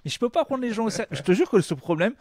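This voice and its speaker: Lively man telling anecdotes. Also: high voice, racing, husky, no echo, studio quality. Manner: animated storyteller, laughs often. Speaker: podcast co-host. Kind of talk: casual chat.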